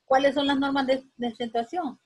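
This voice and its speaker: A woman's voice: sits high, fairly even intonation, a little fast, darkish tone. A woman teacher giving a spoken grammar lesson, rambling with many restarts and a constant "right?" tag.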